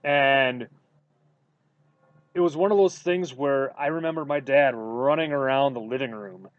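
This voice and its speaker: A man from Wisconsin co-hosting a sports podcast, telling stories in a casual, animated way with lots of fillers. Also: medium pitch, a little slow, no echo, muffled recording. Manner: animated storytelling with many fillers. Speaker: podcast co-host.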